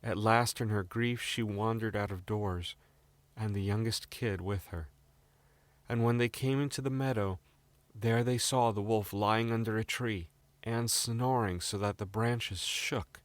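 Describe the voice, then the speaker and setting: A scripted fairy tale is read by a British man whose slightly low voice holds a steady tone at a somewhat slow pace. There's no echo, and the close, dry sound resembles a bedtime storybook recording.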